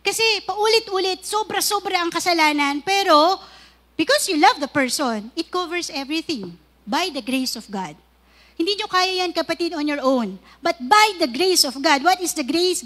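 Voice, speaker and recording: A woman's voice: extremely high pitch, pushed and bright. A woman preaching a sermon on marriage, mixing English and Tagalog, with joking asides and acted-out quarrels.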